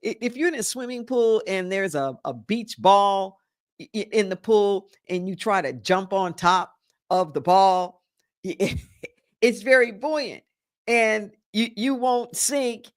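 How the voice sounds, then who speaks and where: Woman minister, sermon, slow unhurried pace, repeats key phrases for emphasis. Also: medium pitch, expressive.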